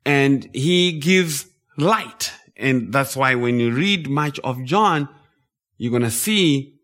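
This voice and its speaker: A man's voice: medium pitch, a bit bright. A man from Zimbabwe preaching a sermon, stressing and repeating key phrases.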